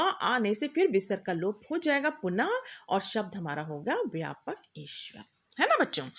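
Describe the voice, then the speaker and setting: A woman's voice: high voice, a bit bright. A middle-aged woman teaching a class, explaining patiently and often checking that her students follow. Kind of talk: classroom lecture.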